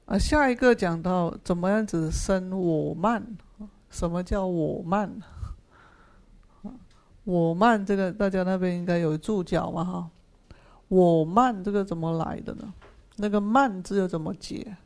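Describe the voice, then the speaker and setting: Patient sutra lecturer, mid-pitched and unhurried; repeats key phrases and works through Pali terms for a class. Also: a little mellow. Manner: patient explaining of Pali terms, asks and answers own questions. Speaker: Buddhist sutra teacher. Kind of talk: explanatory dharma class lecture.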